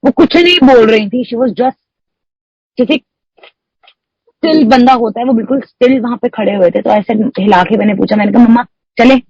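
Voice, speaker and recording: A woman's voice: fairly high pitch, normal speed, long pauses, darkish tone, breathy edge, no room sound. Emotional young woman, dull call audio. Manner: emotional storytelling, mixing English into Hindi. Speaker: devotee sharing a testimony. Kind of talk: personal testimony at a prayer meeting.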